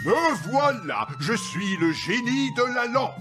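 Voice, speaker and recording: A man voicing a theatrical genie of the lamp in a cartoon, with grand, drawn-out showmanship. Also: very high voice, big pitch swings, over music, heavily acted. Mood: grand, obliging. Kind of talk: cartoon voice acting.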